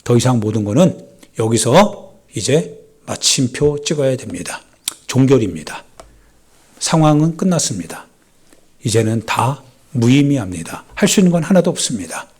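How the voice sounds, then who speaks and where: Animated preaching man. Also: mid-range voice. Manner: dramatic preaching, voicing doubters with rising intensity. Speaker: pastor. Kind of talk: sermon.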